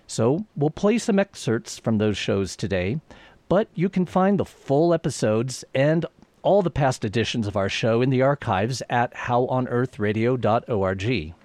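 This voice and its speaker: A man's voice: medium pitch, lively intonation, measured pace, darkish tone, no echo. A man hosting a science radio show, reading a scripted introduction.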